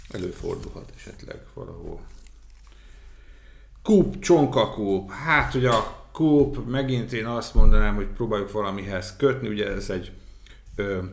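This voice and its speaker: Very deep, gravelly male math tutor. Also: roomy sound. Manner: explains with everyday examples, many hesitations. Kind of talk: casual exam-prep explanation.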